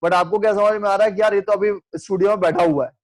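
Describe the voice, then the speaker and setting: A man teaching a radio class, explaining with everyday examples and checking with students through quick questions. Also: sits high, fairly even intonation, dry recording, rough recording. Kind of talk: classroom lecture.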